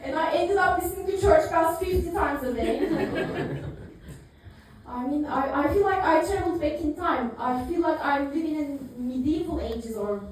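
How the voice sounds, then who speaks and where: At a live comedy club with laughter from the crowd, a stand-up comedian from Turkey in her thirties delivers a dry routine that pokes fun at herself, full of fillers and small laughs. She has a high voice at normal speed, and the distant, echoey recording carries a slight hiss or hum.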